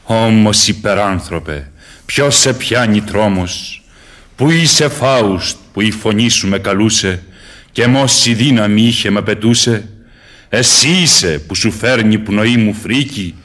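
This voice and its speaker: An actor voicing a mighty, scornful spirit of the earth, declaiming verse grandly in a radio play. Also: male voice, fairly low pitch, a bit bright, close to an everyday voice. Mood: scornful, commanding. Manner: grand, imperious, solemn declamation. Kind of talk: mid-century radio theatre, declaimed verse.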